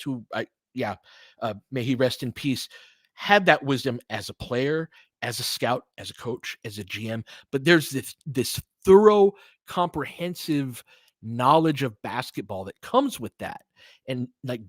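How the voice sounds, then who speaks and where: A podcast host with a medium-pitched voice gives casual, opinionated basketball commentary, emphatic and conversational, frequently checking in with rhetorical questions. There is no room sound.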